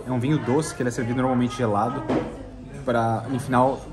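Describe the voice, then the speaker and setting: Over background music and the busy chatter of a restaurant, a man from Santa Catarina in southern Brazil talks casually as a travel food vlogger while tasting dishes. His mid-range voice holds a level tone at a fairly quick clip, carrying a southern Brazilian accent, and he often repeats himself.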